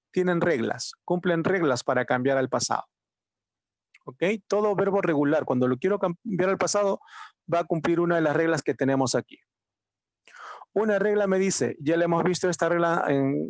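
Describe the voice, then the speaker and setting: Man, higher-pitched, patient teacher, repeats and asks questions, dry sound. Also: dry recording. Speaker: English teacher. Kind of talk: online class explanation. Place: home, online class.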